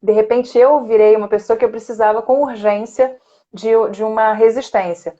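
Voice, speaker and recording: A woman speech therapist talking in a warm, chatty way and laughing often, as a guest on a live video call. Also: a little high, fairly even intonation, normal speed, highs cut off. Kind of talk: casual live chat. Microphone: computer or phone on a video call.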